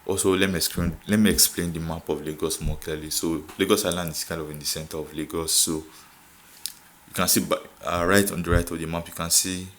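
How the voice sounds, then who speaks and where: Low-voiced young Nigerian man vlogging. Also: steady tone, fairly quick, fairly bright tone, a little hiss or hum. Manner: laughs often, code-switches, repeats filler "like". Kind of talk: casual monologue to camera.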